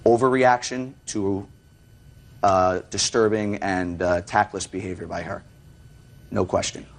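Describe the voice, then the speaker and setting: A man's voice: sits low, steady tone, a little slow. A man testifying as a litigant in a TV courtroom, indignant and self-justifying, with stiffly formal wording and hesitations.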